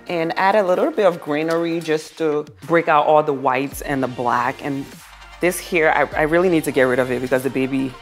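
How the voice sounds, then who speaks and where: Low-voiced woman gushing through a home tour. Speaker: vlogger giving a home tour. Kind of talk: casual home makeover tour, talking to viewers. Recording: music behind the voice. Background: background music.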